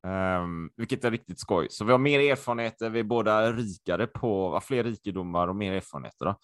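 Man, low voice, excitable podcast chat, repeats himself, dry video-call sound. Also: no echo. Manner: excitable, repeats phrases, many fillers. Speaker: podcast co-host.

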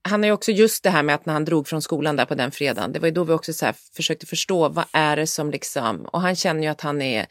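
A woman co-hosting a podcast, a mother who tells stories in an animated way and acts out both sides of each conversation. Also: low voice, few pauses, no echo, clean studio sound. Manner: animated storytelling, acting out conversations. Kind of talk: casual chat among friends.

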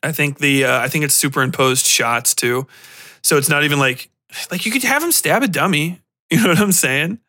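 A podcast host with a slightly high, forceful male voice rants about films in a casual, animated, opinionated way. He talks at a normal speed, and his language is slangy and heavy with profanity.

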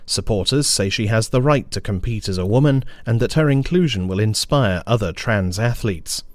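Low-voiced male newsreader, dry studio sound. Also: expressive, no room sound. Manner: measured, formal newsreader delivery. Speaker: news presenter. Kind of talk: scripted news briefing.

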